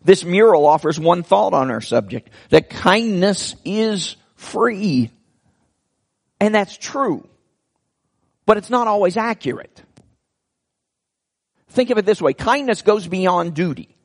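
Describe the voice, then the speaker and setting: Slow, gentle male pastor preaching. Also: high-pitched, animated. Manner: slow and deliberate, with earnest pauses. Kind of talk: sermon.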